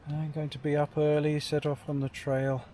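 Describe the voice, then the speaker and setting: A British man casually narrating a camping vlog to camera, musing aloud in an understated, halting way. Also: a little high, completely flat delivery. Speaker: solo camping vlogger. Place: outdoors at a windy jungle campsite and inside a tent. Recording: loud wind and outdoor noise. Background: wind and camp ambience.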